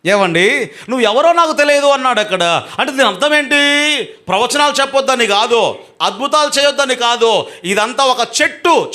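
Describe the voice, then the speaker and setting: ఎత్తైన, పదునైన గొంతుతో చర్చిలో సంఘానికి ఉద్రేకంగా ప్రసంగించే పురుష pastor. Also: male voice, sits high. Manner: emphatic, urges the congregation to respond loudly; swings between slow drawn-out and fast speech. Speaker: pastor. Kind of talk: sermon to a live congregation. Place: church hall with a congregation.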